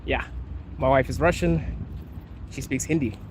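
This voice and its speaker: Walking outdoors on city streets, a man from Zimbabwe who streams and hosts a podcast talks casually and reads out comments from viewers. His voice is mid-range and a little slow, heard over traffic and street sounds in a noisy recording.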